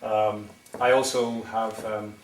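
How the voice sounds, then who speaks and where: Taking it slowly in a fairly low, level tone, a middle-aged man from County Wexford, Ireland, presents to a town meeting on behalf of wind energy development. He hesitates, with ums and restarts. The recording comes from far off in an echoey hall, with slight background noise.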